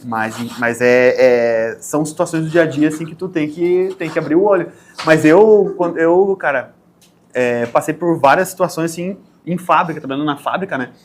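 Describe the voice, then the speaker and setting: A man with a southern Brazilian accent, a podcast guest who tells stories in a lively way and acts out the lines of people in them. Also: fairly high pitch, normal speed, slight background noise. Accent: Brazilian Portuguese, southern Brazil. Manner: animated storyteller, acts out quotes. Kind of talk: casual podcast interview.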